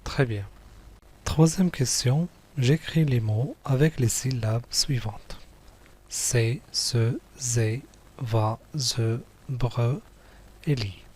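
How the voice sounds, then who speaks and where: A man teaching young pupils, going slowly through a worksheet, repeating each word and praising answers. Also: medium pitch, a little mellow, a little hiss or hum. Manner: slow, patient, repeats words and praises answers.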